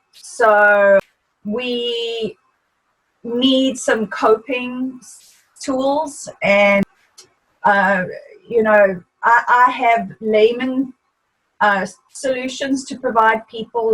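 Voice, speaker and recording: A woman with a husky, unpolished voice at a medium pitch hosts a conversational interview. She talks haltingly, pausing and filling gaps as she works through her thoughts on a video call. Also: rough recording. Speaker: host.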